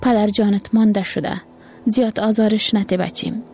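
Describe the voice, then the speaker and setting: A woman's voice: medium pitch, fairly even intonation, darkish tone, faint music behind, lightly acted. A woman voicing a worried, loving mother and wife, with an exclaiming, pleading manner. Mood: anxious.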